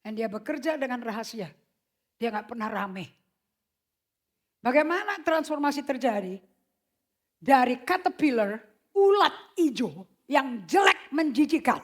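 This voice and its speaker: A woman preaching a sermon in a casual, slangy way, mixing in English phrases and swinging from loud shouts to hushed whispers. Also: high-pitched, animated, a little slow, long pauses. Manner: mixes English phrases into her speech; casual slangy emphatic delivery.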